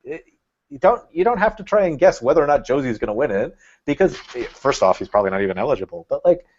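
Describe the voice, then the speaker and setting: A man's voice: mid-range voice, expressive, quick pace, a little mellow. A man talking as a podcast guest in casual chat, rambling and thinking aloud with lots of fillers. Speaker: guest, Red Bulls fan. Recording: dull lo-fi sound.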